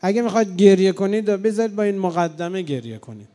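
A man preaching a mourning sermon, swinging between loud cries and low, grieving tones. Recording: long hall reverb.

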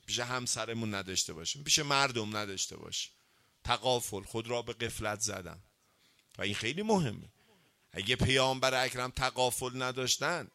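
A man preaching to an audience with a bright, forceful voice. He keeps the talk lively, throws questions at his listeners and waits for answers. He slows down to recite Arabic sayings and then explains them. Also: medium pitch. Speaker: cleric giving a religious talk. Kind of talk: sermon.

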